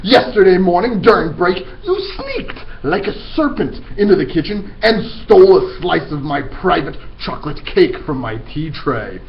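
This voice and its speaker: A furious storybook headmistress, barks and bellows with bombastic relish. The pitch is pushed high and swings wildly, on a dull recording with some background noise. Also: male voice, sing-song, moderate pace, vocal fry, few pauses, full character voice. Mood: outraged. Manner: barking, bellowing insults with theatrical relish. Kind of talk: dramatic storybook read-aloud.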